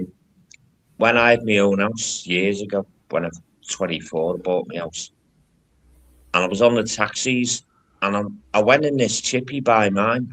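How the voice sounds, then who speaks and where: A man's voice: on the low side, a bit bright, low-quality recording. Man, middle-aged, casual chat, storytelling, frequent swearing. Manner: swears often and tells long stories. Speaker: guest on a live stream.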